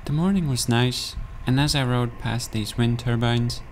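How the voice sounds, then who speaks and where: A young man from Latvia, giving calm, matter-of-fact voice-over narration of his own journey. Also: mid-range voice, a little slow, slight background noise. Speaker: cyclist recounting a race. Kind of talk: scripted narration.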